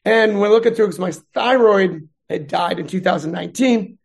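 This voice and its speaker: A middle-aged man, a veteran and math instructor, chatting in an interview with animated, rambling storytelling. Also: high voice, moderate pace, creaky, husky. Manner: rambling, animated retelling with voiced quotes.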